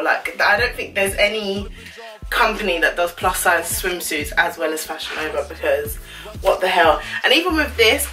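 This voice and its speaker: This woman has a medium-pitched, bright, forceful voice, caught from a distance in a rough recording. She's a fashion vlogger gushing through a try-on haul in a small bedroom, chatting casually with slangy asides into a camera standing a few feet away.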